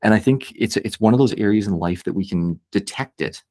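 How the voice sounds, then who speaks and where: A man's voice: lowish voice, a little fast, warm tone. A man hosting an interview, speaking thoughtfully and often repeating words as he finds his phrasing. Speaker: podcast host. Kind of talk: conversational interview.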